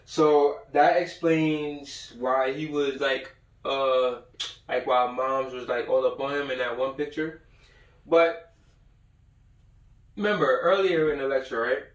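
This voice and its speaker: Reading passages aloud during an informal lecture, a man comments in blunt, profane slang and repeats himself for emphasis. His mid-range voice is steady and slow, with frequent pauses, recorded far from the mic with a roomy echo.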